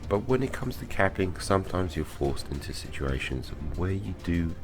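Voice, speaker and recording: A man's voice: deep voice, big pitch swings, moderate pace, over music. A man with a slight cold, sounding worse for wear, giving casual gaming guide commentary and repeating phrases for emphasis. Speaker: gaming video host.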